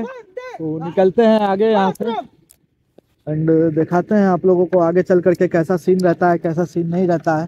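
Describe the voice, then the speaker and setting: With a high-pitched, mellow voice, a young man from Bihar narrates a casual motovlog while riding through town, addressing viewers and repeating himself. The audio is dull.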